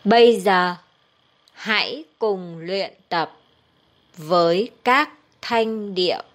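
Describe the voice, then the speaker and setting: A woman teacher with a Northern Vietnamese accent drills tones one syllable at a time. She speaks extremely slowly, her voice sitting at an everyday middle pitch, and she carefully enunciates every sound. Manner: carefully enunciated, repeating each tone. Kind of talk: slow, deliberate pronunciation drill.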